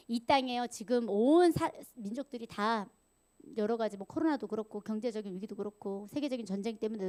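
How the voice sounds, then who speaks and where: A woman evangelist preaching a sermon, animated, acting out angry voices and dropping to whispers. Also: on the high side. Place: church sanctuary.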